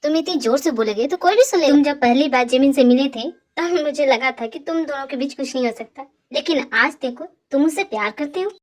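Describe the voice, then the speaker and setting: A woman's voice: sits high, a little fast, few pauses, natural voice. A woman voicing a chatty, teasing young man friend in an amateur fan dub.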